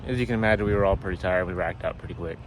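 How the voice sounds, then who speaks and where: A man's voice: low voice, very fast. A man talking casually to camera as a family vlog host, recorded outdoors with some background noise. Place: outdoors behind a hotel in the morning.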